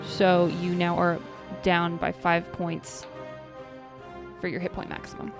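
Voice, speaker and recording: A woman's voice: on the low side, monotone, a little slow. A woman running a tabletop role-playing game, narrating the scene to her players as game master. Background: background music.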